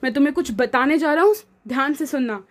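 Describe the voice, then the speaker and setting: A woman voicing a poor male tramp who sells rattraps, reading book lines slowly and retelling them in Hindi. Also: high voice, close to an everyday voice. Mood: pleading.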